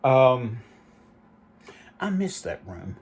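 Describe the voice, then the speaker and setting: A man's voice: medium pitch, very animated, drawn-out words, darkish tone, slightly rough. Guy just rambling about the old days, chatty, wanders off on asides. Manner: rambling, nostalgic storytelling with asides. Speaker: channel host. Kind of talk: rambling reminiscing monologue.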